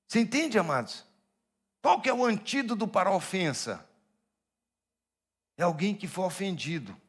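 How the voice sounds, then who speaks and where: A male pastor preaching a sermon, swinging between hushed asides and shouted emphasis and asking his congregation direct questions. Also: sits high.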